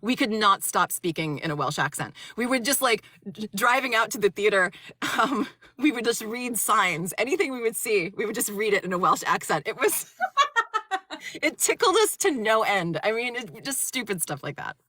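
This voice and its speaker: A woman from Maryland talks about her acting in a loose, rambling way and laughs often. Her voice is bright and sits in a middle register. The sound is dry and close. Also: medium pitch, big pitch swings, moderate pace, no room sound. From Maryland, USA. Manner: chatty, rambling storyteller who laughs often. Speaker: guest narrator and actor. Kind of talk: casual interview chat.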